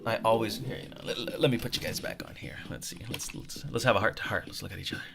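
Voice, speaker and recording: Fast and creaky, his voice sitting on the low side, a middle-aged YouTube host from El Salvador rambles through a casual livestream Q&A, often restarting what he says as music plays in the background.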